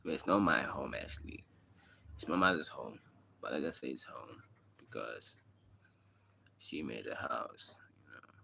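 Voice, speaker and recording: A young South African man with a very low, deep voice talks casually on a livestream, drifting between thoughts and filling gaps with easy asides. His South African accent colors every line, and a faint hiss sits under the recording. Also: animated, measured pace, gravelly, long pauses, pushed and bright. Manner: rambling, laid-back, frequent "you know" fillers. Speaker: livestreaming rapper. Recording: faint background noise.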